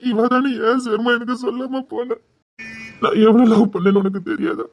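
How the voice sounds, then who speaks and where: In an audio drama, a woman with a Tirunelveli Tamil accent plays a police officer who is a heartbroken lover, speaking in a hushed, urgent way that turns mournful. Her voice is fairly low, steady and fast with a breathy edge, and the sound is lo-fi.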